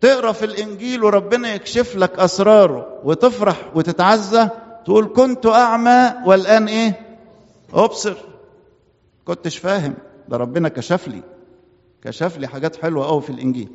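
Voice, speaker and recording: Egyptian preacher in a reverberant church. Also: male voice, sits high, muffled recording. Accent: Egyptian Arabic. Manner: asks rhetorical questions and answers them himself; quotes scripture slowly and emphatically. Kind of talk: sermon.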